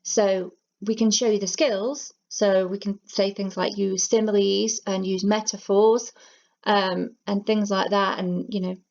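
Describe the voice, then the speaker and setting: A woman's voice: medium pitch, level tone, a little slow, a little mellow. A woman working as a teaching assistant, explaining a lesson in a friendly, chatty way with plenty of fillers. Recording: dull lo-fi home recording.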